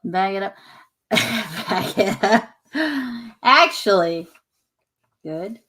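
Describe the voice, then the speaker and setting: A woman's voice: medium pitch, extremely slow, bright, forceful tone. A woman co-hosting a podcast in casual, jokey chat while wearing a bag over her head, giggling between lines. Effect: talking from under a bag over her head. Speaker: podcast co-host.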